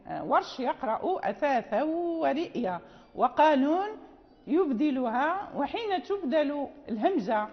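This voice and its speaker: A woman teacher explaining Quran recitation rules, repeating words slowly and chanting the quoted verses. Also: high voice, long reverb tail, lo-fi sound.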